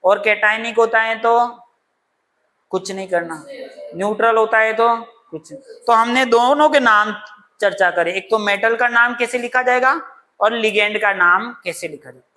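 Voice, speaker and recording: A woman with a high, pushed, bright voice teaches a chemistry class lecture. She poses questions and answers them herself, drawing on homely examples and adding playful asides.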